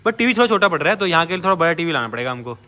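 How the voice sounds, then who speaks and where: A man hosting a family vlog, excited and teasing as he questions everyone. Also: on the high side, rapid-fire. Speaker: vlogger host. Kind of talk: casual family vlog chat.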